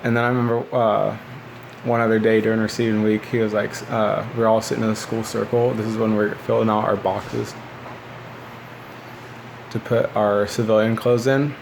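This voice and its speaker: A man in his twenties talks casually to his phone in a small room. His voice sits a little low and stays very even, with a lot of fry at the edges. He rambles in a laid-back way, and there is clear background noise from air conditioning. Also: normal speed. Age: 20s. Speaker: former military recruit recounting boot camp. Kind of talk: casual rambling storytelling to camera. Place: small living room indoors, seated by a window. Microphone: phone at arm's length.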